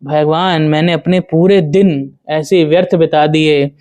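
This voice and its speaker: A man giving a devotional lecture, asking rhetorical questions and chanting verses slowly. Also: a little high, fairly even intonation, a little mellow. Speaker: spiritual teacher.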